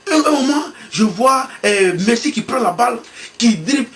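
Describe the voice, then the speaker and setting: Man preaching, tells it like a lively story, bit of faint noise behind. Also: very high-pitched, normal speed. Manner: animated storytelling, acts out his own excitement. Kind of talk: sermon illustration told as a story.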